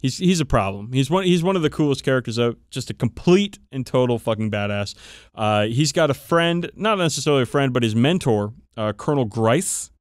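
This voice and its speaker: A podcast host with a medium-pitched, animated, brisk voice chats casually and with sweary enthusiasm about tabletop wargame lore. The recording is studio quality with no echo.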